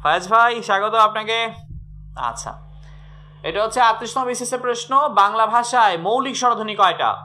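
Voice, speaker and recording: Bright-voiced man teaching grammar. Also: sits high, animated, moderate pace. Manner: repeats questions and coaxes students to answer. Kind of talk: live online class.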